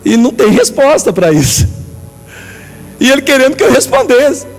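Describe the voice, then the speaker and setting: Brazilian pastor guy preaching, fairly high voice, big church echo, soft music under. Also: moderate pace, gravelly. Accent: Brazilian Portuguese. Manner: animated preaching, calls on the congregation to respond. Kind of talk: sermon. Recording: church hall reverb, faint music.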